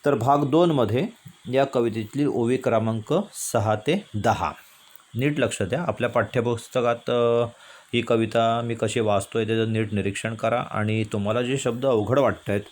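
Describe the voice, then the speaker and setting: Man, teacher, mid-pitched voice, explains a poem, poses and answers questions. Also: steady tone. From India. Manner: explains slowly, asks and answers his own questions; recites verses in a slow chant. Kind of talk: Marathi poetry lesson.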